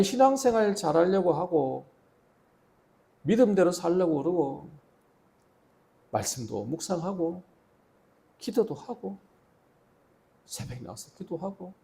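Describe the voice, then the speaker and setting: A man who is a pastor, preaching a sermon with animated delivery that rises and falls sharply. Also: sits high.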